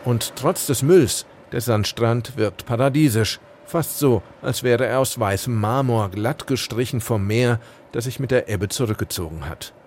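Man, documentary narrator, scripted, measured, faint background hum. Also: medium pitch, a little mellow.

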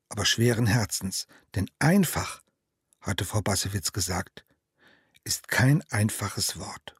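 A man reading his own children's novel aloud in an expressive storytelling manner, recorded as an audiobook. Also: medium pitch, slightly rough, no room sound, studio quality. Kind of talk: audiobook narration.

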